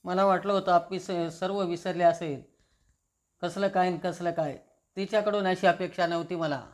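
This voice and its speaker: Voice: medium pitch, steady tone, moderate pace, close to an everyday voice. The narrator reading the lines of a blunt, loyal male office assistant who pleads with his boss. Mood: pleading.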